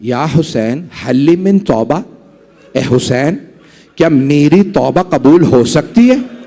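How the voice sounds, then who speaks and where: A man's voice: a little high, animated, takes it slowly, creaky, dark tone, pitched below the performer's own voice, full character voice. A man voicing a repentant warrior who begs forgiveness in a broken, pleading way.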